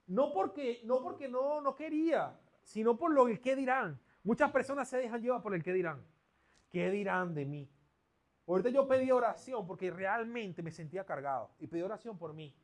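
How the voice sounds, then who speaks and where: High-voiced male preacher, playful. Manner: lively, playful storytelling with jokes. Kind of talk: sermon. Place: church.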